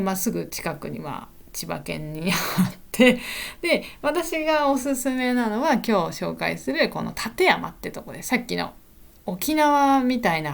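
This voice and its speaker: A woman teaching in a casual podcast lesson, chatty, filling pauses with little affirmations and hesitations. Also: on the high side. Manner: chatty, fills pauses with "hai" and "ano"; lively, rising and falling often. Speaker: Japanese teacher.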